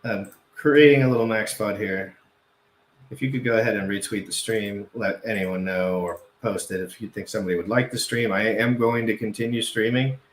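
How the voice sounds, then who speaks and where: A man's voice: on the low side, fairly even intonation, moderate pace, reverberant, slight background noise. A man hosting a casual crypto livestream, rambling and correcting himself, often repeating phrases for emphasis.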